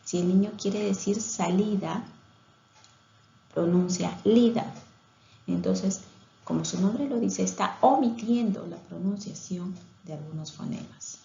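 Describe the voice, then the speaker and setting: A woman's voice: medium pitch, unhurried, creaky, dark tone, reverberant, dull audio. A woman giving a recorded lecture on speech therapy, explaining things step by step with some hesitations and restarts.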